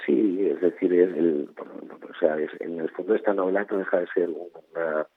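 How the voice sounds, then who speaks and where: A Spanish novelist in his fifties, with a low-sitting voice, fairly even intonation and a moderate pace, answers interview questions as a guest. He responds thoughtfully, often repeating words and closing with tag questions, over a tinny, phone-like line with a little hiss or hum.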